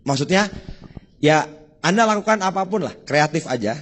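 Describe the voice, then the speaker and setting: Man, sales trainer, slightly high voice, chatty, acts out little dialogues. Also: expressive, moderate pace, a bit bright. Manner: addresses the audience directly. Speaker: network marketing trainer.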